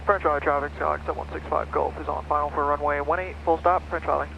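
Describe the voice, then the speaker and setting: A man who is another pilot, heard over the aircraft radio, making brisk position calls. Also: on the high side, fairly even intonation, vocal fry. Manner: brisk, clipped radio phrasing. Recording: muffled radio over loud cockpit noise.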